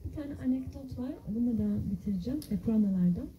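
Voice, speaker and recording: A woman interpreting a sermon line by line, quickly, with hesitant fillers. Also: fairly high pitch, lively intonation, lo-fi sound, a little hiss or hum.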